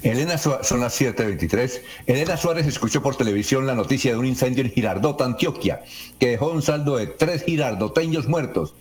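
A man's voice: mid-range voice, fairly quick, darkish tone. A man hosting a live radio news show, asking direct questions of a guest.

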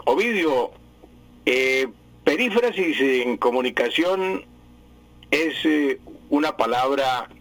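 A man's voice: medium pitch, lively intonation, slow, pauses often, a bit bright, dry recording, low-quality recording. A man explaining word spelling and meaning to radio listeners in a patient, explanatory way with many fillers. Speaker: language expert answering listeners.

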